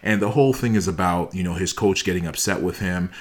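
In a fairly low voice and at a fast clip, a man delivers a motivational talk, speaking emphatically and repeatedly circling back to key phrases to drive them home to the listener.

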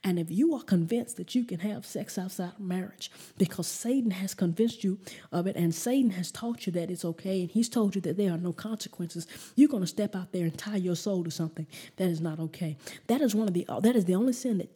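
A woman delivers a sermon in a relaxed, conversational way that turns emphatic as she presses her points. Her voice is mellow and slightly husky, and she often circles back and repeats words. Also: mid-range voice. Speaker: preacher.

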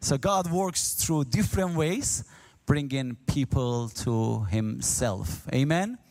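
A guest speaker from Iran, near the Turkish border, gives a church testimony and talk in a reverberant hall. His first language is Azeri, so his English is earnest and halting, and he grows animated telling his story; his voice is mid-range with vocal fry.

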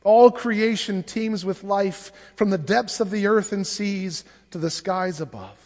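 High-pitched male pastor at a pulpit mic, slow solemn prayers, long church echo. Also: darkish tone. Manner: measured, solemn liturgical reading. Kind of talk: leading liturgical prayers. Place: church sanctuary.

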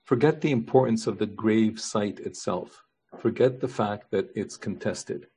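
A man's voice: on the low side, unhurried, darkish tone, husky. A man preaching a sermon as pastor, earnest, building his points with repeated rhetorical questions.

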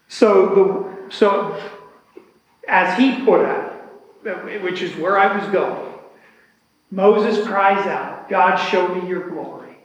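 Man, teacher of a church discussion class; slow, earnest and reflective delivery, higher-pitched voice, echoey church room recording. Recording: echoey hall with long reverb.

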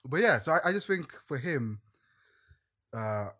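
A man's voice: fairly high pitch, sing-song, measured pace, bright, forceful tone. A young man with a London accent, bantering casually and teasingly with friends, often repeating his words.

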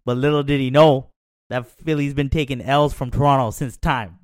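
A man's voice: medium pitch, steady tone, normal speed, dry recording. Male panelist, cocky trash-talk, mid voice, dry close mic. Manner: confident, trash-talking, repeats "right?". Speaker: sports panelist. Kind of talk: casual sports talk.

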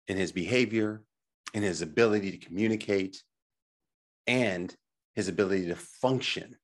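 A husky-voiced middle-aged man teaches in a motivational presentation. His pitch moves up and down a lot as he stresses his points. He coaches the listener directly, with rhetorical questions and quick check-ins. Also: a bit bright. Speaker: presenter and teacher on health technology.

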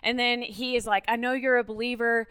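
A middle-aged Mexican woman whose first language is Spanish shares her personal testimony as a guest speaker at church, speaking in a lively, conversational way and frequently checking in with her audience. Her voice is slightly high, quick, and smooth.

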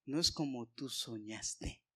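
A male pastor preaching a sermon, swinging from loud emphasis to hushed whispers and speaking straight to the congregation. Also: medium pitch, slow pace. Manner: addresses the congregation directly, asking for amens.

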